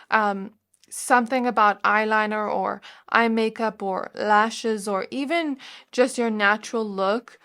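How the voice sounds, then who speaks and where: A woman giving a pick-a-card tarot reading as a channel host, talking to the viewer in a gentle, reassuring way and often pausing to search for words. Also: mid-range voice. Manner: musing, searching for words with frequent fillers. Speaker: tarot reader.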